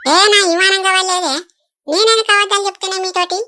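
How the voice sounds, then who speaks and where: A woman's voice: very high-pitched, fairly even intonation, fast talker, bright, forceful tone, a little hiss or hum. A woman voicing a scheming old village woman who wheedles for money and protests her innocence. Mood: wheedling. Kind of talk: cartoon voice acting.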